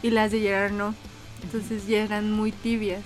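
A woman co-hosting a casual chat, telling a story with lively acted-out voices and frequent laughs. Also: medium pitch, moderate pace, over music. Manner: animated, acts out quoted voices, laughs often. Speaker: podcast co-host.

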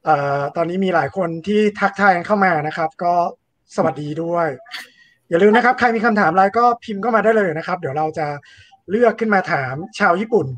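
A man's voice: high voice, a bit bright, no room sound. A man hosting a casual live stream, chatting politely with listeners and guests. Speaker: live show host.

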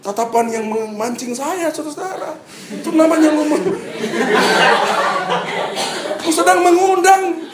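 A man from Papua telling a personal testimony story to an audience, dramatic, acting out scenes and swinging between loud bursts and hushed asides. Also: very high voice, a little slow, long pauses, reverberant, background noise. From Papua, Indonesia. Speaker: speaker giving a personal testimony.

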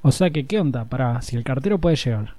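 An Argentine man co-hosting a podcast, joking his way through tangents. His tone is mellow and dark, and the recording sounds dry and close, with no room in it. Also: mid-range voice, animated, fairly quick, no echo. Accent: Argentine Spanish. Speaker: podcast co-host. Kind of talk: casual chat.

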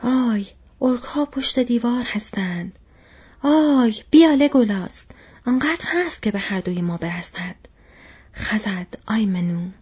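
Woman doing a shouting dwarf warrior. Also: on the low side, lively intonation, husky. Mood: fierce. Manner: shouting battle cries. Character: fierce boastful male dwarf warrior. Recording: dull lo-fi audio.

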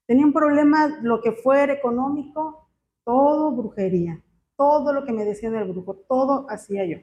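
A woman gives a personal church testimony, speaking in a halting, emotional way with many fillers. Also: high-pitched, darkish tone. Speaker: church member giving testimony. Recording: muffled, slightly noisy.

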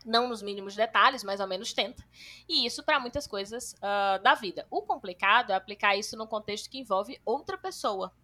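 A woman hosting a podcast, reading listener comments aloud and chatting, running one thought into the next with hardly a pause. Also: mid-range voice, sharp tone. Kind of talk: casual chat.

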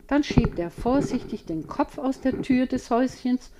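A woman reading a children's story aloud with slow, expressive storytelling. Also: high-pitched, very noisy. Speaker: audiobook reader.

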